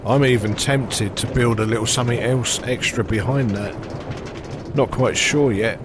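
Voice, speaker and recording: A man narrating his own gameplay in a relaxed, casual way, thinking aloud with frequent fillers. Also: medium pitch, normal speed, background noise. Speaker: gaming channel host.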